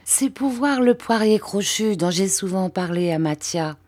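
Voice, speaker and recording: A woman's voice: mid-range voice, animated, a little slow, a little mellow, pitched above the performer's own voice. A woman voicing an eager, earnest young boy.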